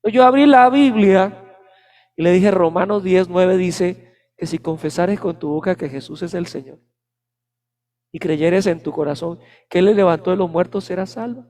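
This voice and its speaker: A male preacher delivers a sermon full of personal anecdotes. His voice sits high, and he acts out the moments he describes. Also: moderate pace, a little mellow. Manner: storytelling, dramatizing anecdotes. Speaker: pastor.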